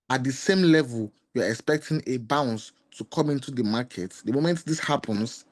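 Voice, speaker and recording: A man with a slightly hoarse voice explaining trading charts in a lesson, walking through the steps and repeating key points with rhetorical questions. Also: mid-range voice. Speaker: trading mentor. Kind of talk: screen-share trading lesson.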